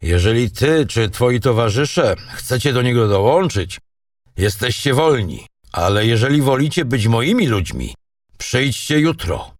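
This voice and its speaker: A man's voice: medium pitch, very animated, measured pace, dry recording, clean studio sound, far from the mic. A man voicing a proud young Norse king who gives terse, stern commands, read in an audiobook.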